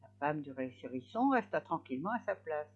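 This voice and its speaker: A woman reading a fairy tale aloud in an expressive way, slowing down for effect. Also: low-pitched, husky. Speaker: storyteller. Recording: slightly dull lo-fi recording.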